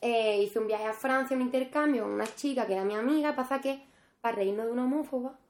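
A young woman chats on a podcast and slips into the voices of the people she quotes. Her voice sits a little high. The room gives it a roomy echo. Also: quick pace. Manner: animated storyteller, acts out quoted dialogue. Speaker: podcast co-host. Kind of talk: casual chat, storytelling.

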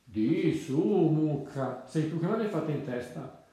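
A man's voice: on the high side, animated, measured pace, warm tone. A man voicing a small female mole in a storybook, asking questions with puzzled indignation. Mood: indignant questioning. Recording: very echoey room.

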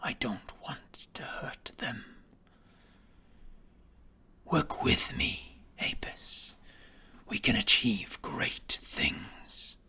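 A man voicing a menacing winged serpent lord in whispered role-play, coaxing and threatening with slow, breathy control. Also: mid-range voice, lively intonation, pushed and bright, exaggerated voice.

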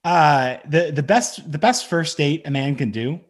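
A man's voice: a little high, a little slow, husky. A man co-hosting a podcast, telling stories in a rambling, self-correcting way. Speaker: podcast co-host. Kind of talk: casual podcast chat.

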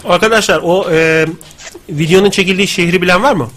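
A young man co-hosting a live radio show, fast and teasing in casual banter. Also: high voice, a bit bright, slight background noise.

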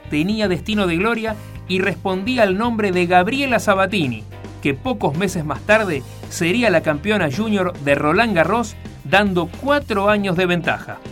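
A man's voice: high-pitched, lively intonation, normal speed, fairly bright tone, faint music behind. A man with an Argentine accent reading a scripted retrospective narration. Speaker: documentary narrator. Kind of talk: scripted narration of a year in review.

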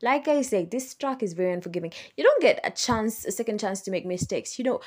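A woman's voice: medium pitch, expressive, fast, darkish tone. A woman hosting a casual motorsport recap, chatty and unscripted, often laughing and stopping to search for names. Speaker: Formula One recap host.

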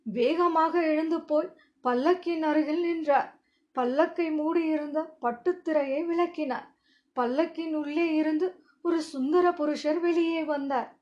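A woman narrating a historical novel in a measured, clear storytelling manner, on a dull lo-fi recording. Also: sits high, steady tone, darkish tone. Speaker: audiobook narrator. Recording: dull lo-fi audio.

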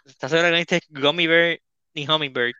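A man's voice: a little high, steady tone, quick pace, sharp tone, clean tone, no echo, muffled recording. A young man, hosting a casual podcast chat, laughing and tossing in English words. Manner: laughing, mixes English words, acts out quotes. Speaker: podcast host.

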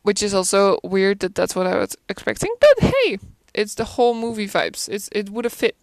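A woman's voice: mid-range voice, fairly even intonation, a little fast, vocal fry, no room sound. A woman casually chatting about a film, talking animatedly with lots of fillers and asides. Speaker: film commentator. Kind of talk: casual solo chat.

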